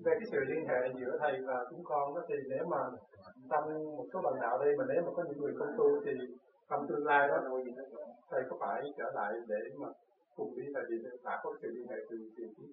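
A man, a disciple, asks his teacher a question in a rapid, hesitant way. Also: a little high. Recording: distant, tinny and roomy.

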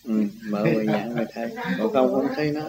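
A man's voice: mid-range voice, quick pace, over a noisy crowd, rough recording. A man giving an informal spiritual teaching, rambling and repeating himself, laughing now and then. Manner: rambling, repetitive, laughs often. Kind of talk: informal religious teaching talk.

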